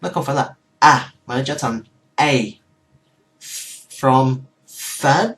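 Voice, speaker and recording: A man's voice: medium pitch, fairly quick, bright, forceful tone, far from the mic. A man teaching English pronunciation, reading word lists one word at a time and explaining the vowel sounds. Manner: explains in Vietnamese, quoting English words.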